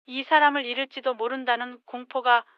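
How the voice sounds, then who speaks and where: Brief: woman in her sixties, gentle rueful scripted narration, high voice, dry dull recording. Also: flat delivery, a little fast, clear, resonant tone, dry recording. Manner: gentle, rueful, speaks as a letter to her younger self. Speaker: storyteller.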